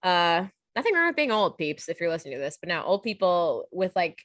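A woman's voice: on the low side, a little fast, no echo. Young woman w a lisp, jokey podcast cohost, voice all over the place, dry sound. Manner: lively and jokey, rambling asides. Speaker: podcast co-host. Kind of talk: casual podcast chat.

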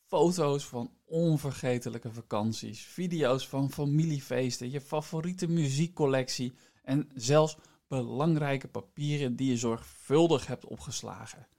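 A man's voice: medium pitch, a little slow, mellow. A man hosts a podcast, explaining things in a semi-scripted way and addressing the listener directly. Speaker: podcast host.

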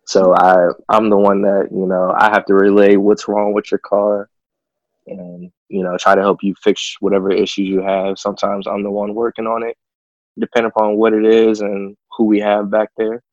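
A man's voice: lowish voice, steady tone, moderate pace, dry recording. Laid-back young man, dull dry sound. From DMV area, United States. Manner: laid-back, says you know a lot. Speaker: podcast guest. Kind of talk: casual chat.

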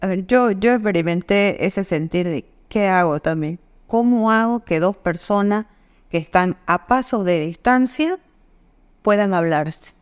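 A woman on a podcast telling stories from her work, acting out the dialogue with big pitch jumps. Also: measured pace, smooth. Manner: animated storyteller, acts out quoted dialogue with pitch jumps. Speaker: guest. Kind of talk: conversational podcast storytelling. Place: indoor podcast studio.

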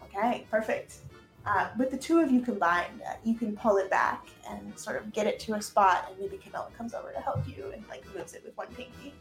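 A woman's voice: medium pitch, a little fast, gravelly. Casual woman game master in an echoey room. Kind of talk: improvised tabletop game narration. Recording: echoey room, music behind.

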